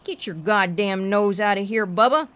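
A woman voicing a big, burly, gruff male sheriff in his fifties with a blunt, swearing drawl. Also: mid-range voice, normal speed, a bit bright, close to an everyday voice. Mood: shocked, gruff.

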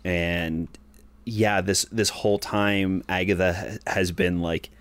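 A man's voice: low voice, steady tone, slow, fairly bright tone, smooth. A man co-hosting a podcast, talking enthusiastically in casual chat, with lots of "like" fillers and restarts. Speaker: podcast co-host. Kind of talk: casual show recap chat.

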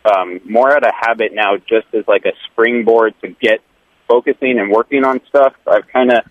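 A fairly low-voiced man calls in from his car, his voice squeezed through a thin, tinny phone line. He rambles and hesitates, leaning on ums and uhs as he talks. The sound is close and dry, with no room around it. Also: moderate pace, no room sound. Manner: rambling, hesitant, many fillers. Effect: phone call from a moving car. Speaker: caller. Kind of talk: casual call-in chat.

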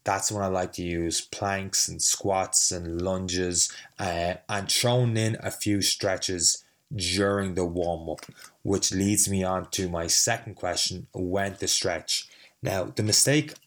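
Male podcast host, very deep voice, sniffly cold, easygoing rambling chat, mic a bit distant. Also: steady tone, slow. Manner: rambling, self-deprecating, easygoing. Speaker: fitness coach and podcast host. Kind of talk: casual solo podcast talk. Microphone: mic set a little further away than usual.

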